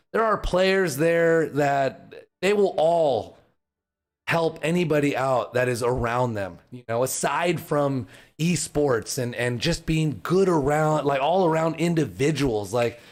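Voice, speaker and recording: Male esports caster, high and unhurried, loud hype calls and heartfelt rambling. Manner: excited shouting play-by-play; emotional, rambling heartfelt talk. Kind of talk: live esports commentary. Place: lobby, alone.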